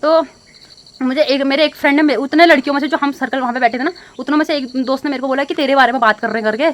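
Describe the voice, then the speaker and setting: A woman's voice: sits high, fast. A young woman vlogger talking to her phone camera in a casual, upset way, rambling with many fillers and restarts. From India. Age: young adult. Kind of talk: casual emotional vlog talk to camera.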